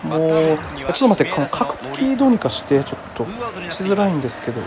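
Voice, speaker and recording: A man's voice: a little high, big pitch swings, fast talker. A man from Kagoshima casually commenting on his own baseball video game, reacting aloud and often apologizing. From Kagoshima, Japan. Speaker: game streamer. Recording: game crowd noise behind. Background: baseball game crowd sound.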